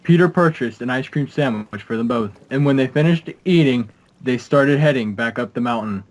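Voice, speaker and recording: A man's voice: medium pitch, moderate pace, darkish tone, poor audio. Man reading a story aloud. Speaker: narrator. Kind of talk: scripted narration.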